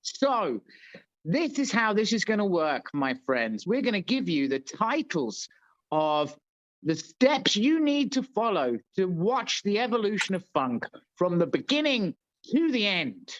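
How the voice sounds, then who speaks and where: A rowdy British man hosts a casual chat, joking crudely, his pitch swooping up and down. The sound is dull and lo-fi. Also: very animated, measured pace, a bit bright. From Britain. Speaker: show host.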